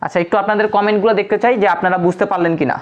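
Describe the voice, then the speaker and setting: A woman's voice: mid-range voice, steady tone, very fast. A woman teaching a live online class, patiently asking questions and answering them herself. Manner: patient, asks and answers her own questions. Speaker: online tutor. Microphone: phone. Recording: dull lo-fi stream audio.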